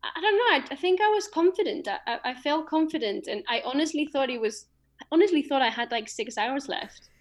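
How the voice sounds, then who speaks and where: A young woman with a slightly high voice talks with a friend in a warm, positive way, thinking aloud and agreeing often. She sounds easygoing and sure of herself. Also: expressive, a little fast. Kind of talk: casual chat.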